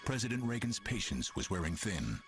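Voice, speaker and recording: A man narrates a documentary from a script. His voice sits on the low side, and loud music plays behind him throughout. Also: very animated, fairly quick.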